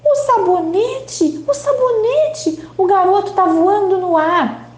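A woman voicing an excitable, bossy father who shouts in agitation. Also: very high voice, slow, echoey room, pitched above the performer's own voice. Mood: agitated.

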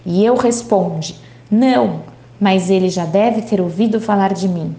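A woman's voice: mid-range voice, unhurried, dark tone, echoey room, pitched below the performer's own voice, close to an everyday voice. A woman reading aloud as a young boy who tells his dream in broken, childlike grammar. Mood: dreamy.

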